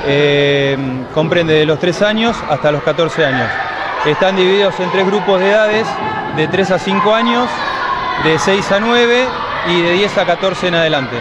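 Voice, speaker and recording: The school's gymnastics coordinator, a middle-aged man with a high-pitched voice and Argentine Spanish accent, walks through the program slowly and carefully, leaning on lots of "eh" fillers. An interviewer holds the handheld mic in an indoor hall where children practice, and the crowd behind is loud and noisy.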